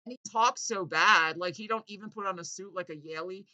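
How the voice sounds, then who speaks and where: A woman's voice: mid-range voice, fairly quick, pushed and bright. A woman delivering a sarcastic, mock-earnest political rant, sometimes laughing at her own irony. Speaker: satirical commentator.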